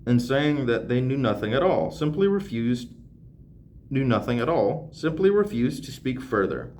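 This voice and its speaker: Young man, reads a novel aloud, slangy jokey asides, laughs a lot, lively voice, middle pitch. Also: moderate pace, slight background noise. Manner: slangy, joking, laughs often. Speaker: channel host.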